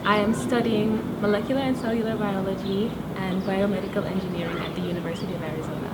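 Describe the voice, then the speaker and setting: A woman's voice: medium pitch, steady tone, quick pace. A twenty-year-old woman from New York and Nigeria, a university student giving hesitant, reflective documentary interview answers that correct themselves. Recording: loud background noise.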